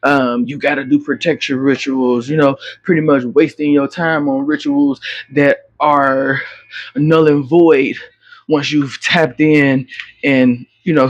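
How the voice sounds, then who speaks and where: A man's voice: mid-range voice, dry recording. A man giving a casual spoken tarot reading, rambling and profane, full of fillers and restarts, on a slightly muffled lo-fi recording. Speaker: tarot reader.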